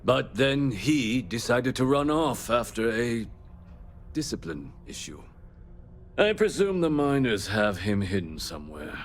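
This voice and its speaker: An actor playing a cold, smug trade company manager in a video game, delivering measured villain-like monologue in formal tones. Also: male voice, medium pitch, sing-song. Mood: cold, dismissive.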